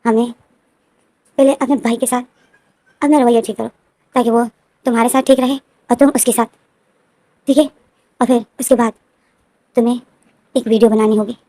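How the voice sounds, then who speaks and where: A woman voicing a calm young male friend who soothes and gives step-by-step instructions. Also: fairly high pitch, moderate pace, long pauses. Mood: reassuring.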